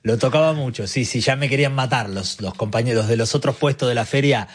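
A man with an Argentine Spanish accent, a guest musician speaking reflectively in a relaxed interview, often searching for his words. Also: medium pitch, fairly quick, husky.

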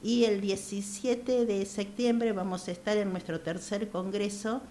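A woman in her sixties with an Argentine accent, speaking earnestly as a radio interview guest, repeating phrases and pausing to hesitate. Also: mid-range voice, steady tone, dark tone, a little hiss or hum. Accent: Argentine Spanish. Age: 60s. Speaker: guest, activist for older women.

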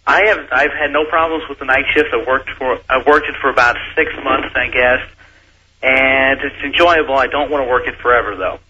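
A man's voice: mid-range voice, a little fast, sharp tone, slight background noise. A man from Missouri calling in to a radio show, his voice coming through a tinny, metallic tin-can phone line as he talks hesitantly with lots of fillers. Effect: tinny, metallic tin-can phone sound. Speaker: caller. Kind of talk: casual phone-in chat. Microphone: telephone.

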